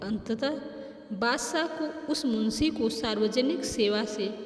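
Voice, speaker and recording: A woman's voice: on the high side, slow, background noise. A woman reading children's folk stories aloud as storyteller, carefully and with restarts. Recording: echoey room with long reverb.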